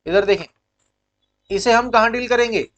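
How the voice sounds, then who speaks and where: Indian male accounts teacher, high-pitched, lecture delivery with constant check-ins. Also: normal speed, a bit bright. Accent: Indian English. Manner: quizzing pupils, repeating key points. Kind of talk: classroom-style lecture.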